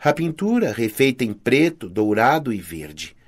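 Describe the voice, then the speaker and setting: A man with a Brazilian Portuguese accent narrating a first-person fantasy audiobook in a dramatic, expressive reading. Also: medium pitch, measured pace, breathy edge.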